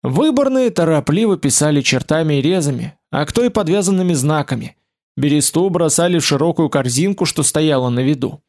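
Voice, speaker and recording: A man narrates an adventure novel for an audiobook. His delivery is steady and vivid, and his voice sits a little higher than most men's. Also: brisk.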